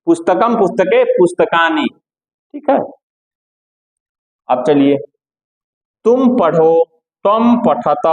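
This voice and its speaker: A man teaching a classroom lesson, slow and patient, repeating each step for his students. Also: fairly high pitch, darkish tone, poor audio.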